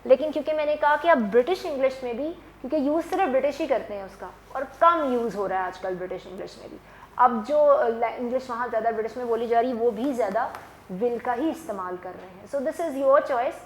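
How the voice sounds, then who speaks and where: A woman teaching an English grammar lesson, explaining patiently and switching between Hindi and English as she repeats example sentences slowly. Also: on the high side, roomy sound, a little hiss or hum, rough recording.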